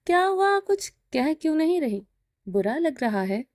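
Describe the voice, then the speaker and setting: A woman's voice: high voice, big pitch swings, darkish tone, no room sound, studio quality. A woman reading the lines of a domineering, possessive male mafia boss in a teasing, commanding way, in a storybook reading. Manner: taunting, commanding.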